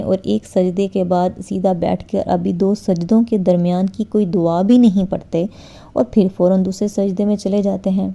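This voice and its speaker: Woman giving an earnest sermon on prayer, deep mellow tone, kinda muffled lo-fi sound. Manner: earnest, exhorting, slows to model recitation. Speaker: Islamic preacher. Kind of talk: religious lecture on prayer. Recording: dull lo-fi recording.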